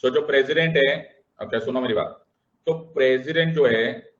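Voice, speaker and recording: At a normal speed and medium pitch, a male teacher delivers a lively lecture in a mix of Hindi and English, checking again and again that students follow. It is recorded with roomy, dull classroom acoustics.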